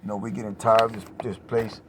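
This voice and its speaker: Dude preaching a loose sermon, reads scripture, gets loud and fired up, says "man" a lot, faint noise behind. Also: on the low side, level tone, fast. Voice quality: rises to a loud passionate cry on the refrains, swears casually. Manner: fills lines with "man" and "you know". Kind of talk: informal sermon reading scripture.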